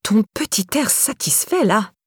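A woman's voice: medium pitch, lively intonation, normal speed, a little mellow, dry recording, clean studio sound, natural voice. A woman voicing a scornful, hard-faced stepmother who sneers and needles. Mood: contemptuous.

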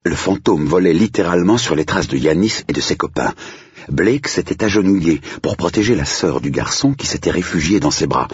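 Steady male storyteller, gravelly and low; close, dry, lo-fi recording. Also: no echo. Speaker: narrator. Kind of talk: scripted narration.

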